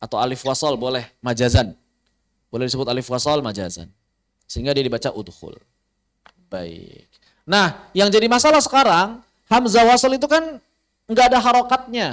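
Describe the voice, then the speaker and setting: This man's voice is on the high side, animated and fairly bright, with an Indonesian accent as he teaches recitation online. He asks his own questions, then answers them, slowing down whenever he spells out Arabic words.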